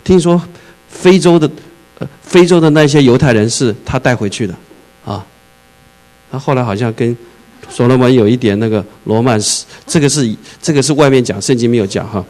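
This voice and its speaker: A male pastor preaching a sermon, reading scripture slowly, then joking and acting out scenes, with English words mixed into his speech. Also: mid-range voice, rough recording. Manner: animated, shifts from slow scripture reading to lively jokes and shouting.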